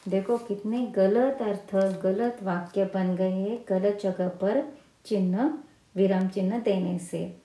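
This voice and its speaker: A woman's voice: medium pitch, steady tone, takes it slowly, warm tone, reverberant, poor audio. A woman teaching a grammar lesson to school students, explaining examples step by step and stressing the key phrases.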